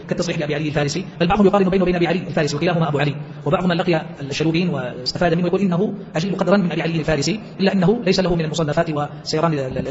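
Fast-talking man explaining a text. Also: a little high, highs cut off, background noise. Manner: rapid, explanatory, quotes verses in between. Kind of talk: classroom text commentary.

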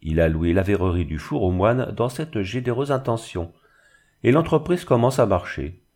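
A man voicing an obsequious, smooth-talking village bailiff with an unctuous, honeyed manner. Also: fairly low pitch, animated, normal speed, a little mellow. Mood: wheedling.

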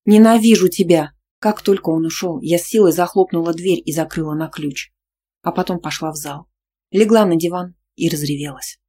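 An audiobook narrator giving a lively, expressive first-person story reading. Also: mid-range voice, husky.

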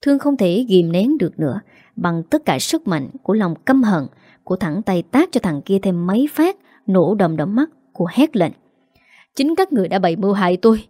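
A woman reads a romance audiobook in a steady and dramatic way. Her voice is mellow and soft-edged. The recording is dry and close, with no room sound. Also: mid-range voice, normal speed, slightly rough, dry recording. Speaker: audiobook narrator. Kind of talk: scripted story narration.

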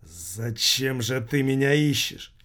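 A man voicing a gruff old male thief boss, speaking hoarsely and with hatred. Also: medium pitch, lively intonation, slow pace, fairly bright tone. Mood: hostile.

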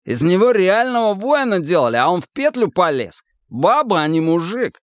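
A man voicing a rough male soldier who talks bluntly, justifying himself. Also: sits high, very animated, moderate pace, no echo, studio quality, voice pushed up.

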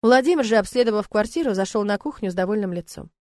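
A woman narrating an audiobook in a lively, expressive storytelling manner. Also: medium pitch, fast, no room sound, studio quality. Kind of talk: scripted narration.

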